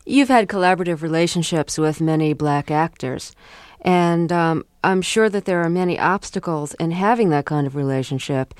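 A woman interviewer asking measured questions, phrasing them carefully and a little hesitantly. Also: low voice, a little mellow, smooth, no room sound, studio quality.

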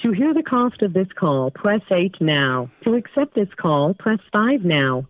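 A woman delivers a recorded collect-call prompt over a payphone call line, in a measured, scripted way. Her pitch sits in a middle range. The sound is thin and tinny, like a narrow phone line. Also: sing-song, no room sound. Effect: heard over a payphone call line. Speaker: automated collect-call announcement.

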